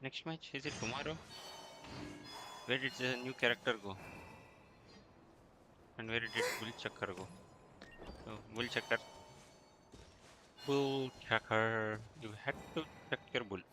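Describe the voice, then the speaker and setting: A man livestreams a game, giving casual, off-the-cuff playthrough commentary as he mutters and echoes the dialogue. His voice is medium-pitched and a little slow with frequent pauses, with music in the background and slight noise in the recording.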